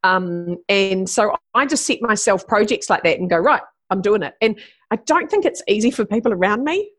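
A woman's voice: medium pitch, animated, normal speed. A woman in her fifties, talking as a guest in a casual interview, blunt and brash, swearing freely and laughing often. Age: 50s. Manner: driven and brash.

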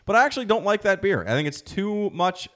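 A man's voice: high-pitched, lively intonation, a bit bright. A man hosting a casual podcast, rambling and self-deprecating as he reviews beers and reads odd news stories. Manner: fast, rambling, self-deprecating, laughs often. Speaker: podcast host. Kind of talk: casual chat and comic news segment.

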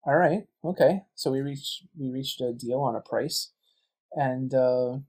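A man's voice: medium pitch, little pitch movement, slow, a little mellow. A man guesting on a podcast, chatting casually and telling stories full of quoted back-and-forth. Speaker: guest, game writer and voice actor.

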